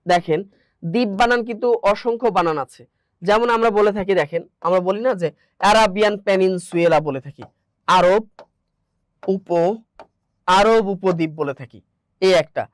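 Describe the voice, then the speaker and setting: A high-pitched young man with a Bangladeshi Bengali accent, teaching an exam-prep lesson. He keeps asking rhetorical questions and answering them himself. The sound is dry and close. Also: normal speed, long pauses, no echo. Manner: drills points with rhetorical questions, repeats answers.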